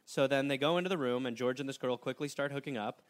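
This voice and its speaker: This comedy podcast host speaks quickly in a mid-range voice while spinning a jokey story. He's animated throughout and slips into goofy put-on voices.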